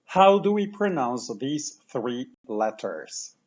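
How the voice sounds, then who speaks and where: Slow, lively male language teacher. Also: medium pitch, highs cut off. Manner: patient, repeats words for the listener to copy. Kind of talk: slow, clear pronunciation lesson.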